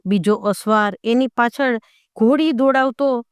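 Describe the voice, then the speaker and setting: A woman narrates a folk tale with expressive storytelling, voicing characters along the way. Her voice sits a little high and comes across smooth and crisp. The recording is close and dry, with no room sound. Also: a little slow, no echo.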